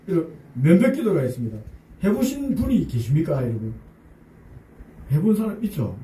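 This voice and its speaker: Animated man preaching in an echoey church. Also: a little high, normal speed, a little hiss or hum. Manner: animated, acts out pleading prayers, chuckles with the congregation. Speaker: pastor. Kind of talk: sermon. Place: church sanctuary. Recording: roomy church sound from a distance.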